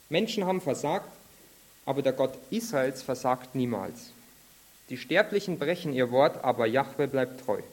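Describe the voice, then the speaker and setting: Preacher guy giving a sermon in church, earnest, slows right down for the bible bits. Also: mid-range voice, a little mellow. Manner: earnest, slows and lifts his voice for scripture. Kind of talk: sermon with prayer reading.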